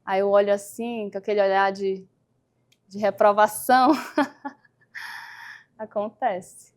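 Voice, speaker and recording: A Brazilian woman lawyer talking in a casual interview. Her voice is firm and blunt, and she tells stories with plenty of acted-out quotes. She sounds sure of herself and doesn't soften her words. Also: mid-range voice, steady tone, takes it slowly. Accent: Brazilian Portuguese. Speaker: lawyer guest.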